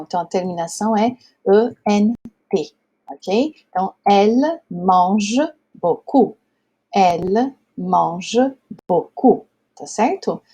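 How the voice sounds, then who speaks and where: Brazilian woman teaching French, mellow voice. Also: mid-range voice, husky. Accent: Brazilian Portuguese. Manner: patient, explains step by step, checks in often with "ok?" and "tá certo?". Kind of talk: whiteboard grammar lesson.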